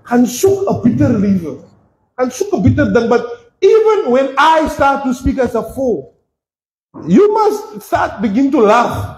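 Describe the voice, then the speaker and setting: A South African man preaching a sermon in a church, playful and animated, mixing English and Afrikaans. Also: very high-pitched, unhurried, roomy sound, poor audio. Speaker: pastor.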